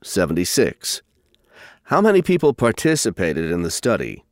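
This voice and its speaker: A man reading scripted listening test instructions and questions in a formal, deliberate way. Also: sits low, wildly swooping pitch, no room sound, clean studio sound.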